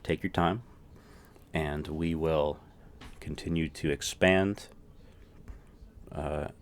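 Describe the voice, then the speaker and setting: Speaking slowly in a steady tone, a man with a very low voice patiently teaches a recorded language lesson, checking in often with "right?" A faint hiss or hum sits under the audio.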